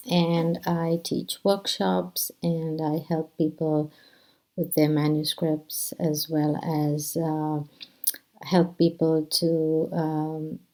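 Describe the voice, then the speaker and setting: A middle-aged woman from India, a poet and teacher, introducing her poetry reading in a soft, hesitant way with many fillers. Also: sits low.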